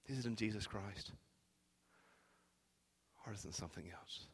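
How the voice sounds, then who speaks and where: A man preaching a sermon as pastor, swinging from shouted exhortation to hushed, near-whispered pleading. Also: on the low side, moderate pace, breathy edge. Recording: long reverb of a large hall.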